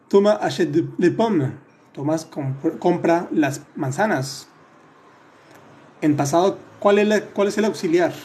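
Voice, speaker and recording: A man with a fairly high, mellow voice teaches French in a live online class. He talks patiently, keeps checking that everyone is following, and corrects his students one by one by name. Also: slight background noise. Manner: patient, repeats and checks with "¿listo?"; addresses students by name, corrects their answers.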